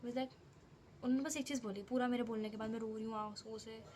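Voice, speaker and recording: A woman's voice: fairly high pitch, steady tone, fast talker, darkish tone, a little hiss or hum. A young woman vlogger telling a personal story in a candid, confessional and emotional way. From India. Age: young adult.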